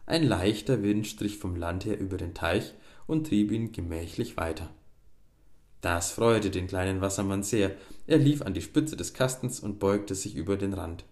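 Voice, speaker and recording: A man reads a children's storybook aloud in a low voice. His narration is calm and steady, in a gentle storytelling manner. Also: moderate pace. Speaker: audiobook narrator.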